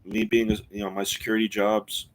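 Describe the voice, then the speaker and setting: Rambling, halting man in his forties. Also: fairly low pitch, flat delivery. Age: 40s. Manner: rambling, halting with many fillers and restarts. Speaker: streamer host. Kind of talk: casual live-stream chat.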